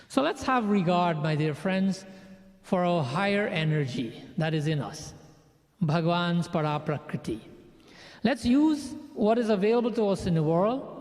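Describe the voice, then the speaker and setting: A man's voice: high-pitched, a little mellow. A man leading a prayer session, giving an earnest spiritual sermon and repeating phrases for emphasis. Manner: measured delivery, building lists of phrases. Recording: long hall reverb.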